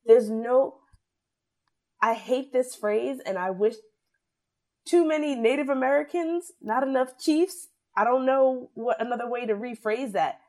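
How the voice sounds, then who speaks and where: A young woman talking through her views in a casual podcast conversation. She is opinionated and animated, acting out what other people said as she goes. Her voice sits a little high. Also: unhurried.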